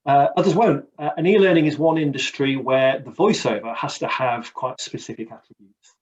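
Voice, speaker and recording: A man co-hosting a webinar, explaining things in a measured way with occasional ums. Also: mid-range voice. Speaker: webinar co-host. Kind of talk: casual webinar talk. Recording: dull, lo-fi call audio.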